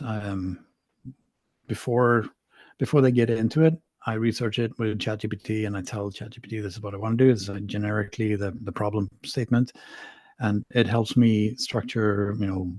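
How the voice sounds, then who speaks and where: Middle-aged man from Sweden, low-pitched, rambling guest talk, dry close sound. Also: darkish tone, no room sound. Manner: rambling, self-deprecating, frequent restarts. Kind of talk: casual interview talk.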